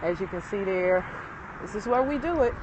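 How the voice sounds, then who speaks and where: A chatty real estate agent rambles through a casual walking livestream, full of fillers, laughs and easy asides, sounding a little winded. She holds her phone as she walks outdoors, with clear city noise around her; her voice is medium-pitched and animated at a normal speed.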